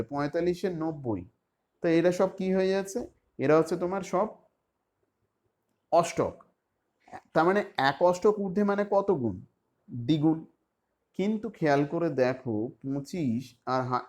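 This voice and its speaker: A man's voice: a little high, darkish tone. A male school teacher with a West Bengal Bengali accent who teaches physics step by step. He asks his own questions and answers them. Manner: explains step by step with everyday examples. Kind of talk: recorded classroom lesson.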